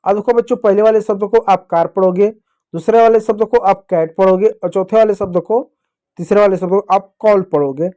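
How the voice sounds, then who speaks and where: A young man teaches phonics to small children. He patiently repeats each rule and answers his own questions. His voice sits high but sounds mellow, recorded dry and close. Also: steady tone, brisk, no echo.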